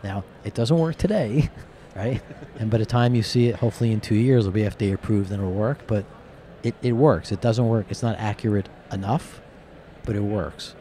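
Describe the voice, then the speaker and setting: A middle-aged man from New Jersey with a hoarse, worn-out raspy voice, rambling colloquially as an interview guest. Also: on the low side, normal speed, dark tone. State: hoarse, voice nearly gone. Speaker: interview guest, company executive. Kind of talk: casual interview talk. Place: curtained booth at a convention. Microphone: handheld microphone held close, with headphones. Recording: clear background noise of convention hall.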